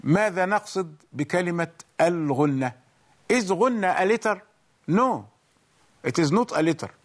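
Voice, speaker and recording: Patient male recitation teacher: unhurried, pitched high, says everything twice. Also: animated. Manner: slow, explains each point twice, once in English and once in Arabic. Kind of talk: bilingual tajweed lesson.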